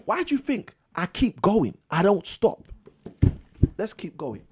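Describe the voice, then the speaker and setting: A man's voice: high voice, sing-song, a little slow, a little mellow, a little hiss or hum. A man hosting a live property investing show, delivering a preachy motivational monologue that repeats phrases for emphasis.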